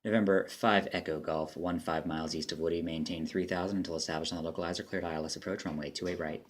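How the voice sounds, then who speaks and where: A man with a low voice talks quickly in a steady tone, playing an air traffic controller. He blends clipped radio phraseology with casual commentary as a player and demo narrator.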